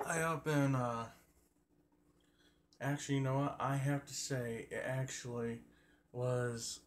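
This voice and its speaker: A man's voice: medium pitch, fairly even intonation, takes it slowly. A man chatting casually and folksily to his viewers, rambling along in a colloquial way into a phone. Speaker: livestream host. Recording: noisy phone recording with background ambience.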